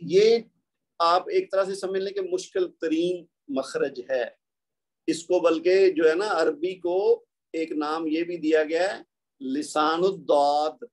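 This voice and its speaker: A man with a Pakistani Urdu accent gives a patient tajweed lesson, his voice sitting a little high. He explains each point calmly and draws out letter sounds slowly so students can copy them. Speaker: Quran recitation teacher.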